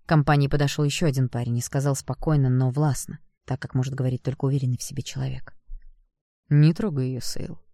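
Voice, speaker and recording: A woman narrating a first-person audiobook in an expressive storytelling manner. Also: rumbling low, rapid-fire, few pauses, dry recording, studio quality.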